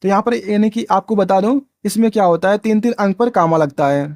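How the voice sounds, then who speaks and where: A man's voice: high-pitched, fairly quick, darkish tone, no echo, studio quality. A man teaching a maths lesson step by step, asking and answering his own questions and repeating himself. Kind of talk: explaining at a board, step by step.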